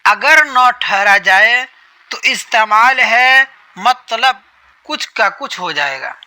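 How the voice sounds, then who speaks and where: A man's voice: extremely high pitch, expressive, sharp tone, rough recording. A man teaching a lesson on Quran reading, who repeats each point and asks questions that he then answers himself. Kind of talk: explanatory lesson.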